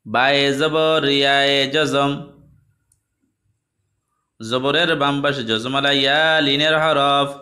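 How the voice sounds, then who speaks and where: A man with a Bangladeshi Bengali accent teaching a Quran reading lesson, spelling out each letter and vowel mark before reciting the joined words slowly. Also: medium pitch, fairly even intonation. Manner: softer, quicker asides to students between drills. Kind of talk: slow step-by-step recitation lesson.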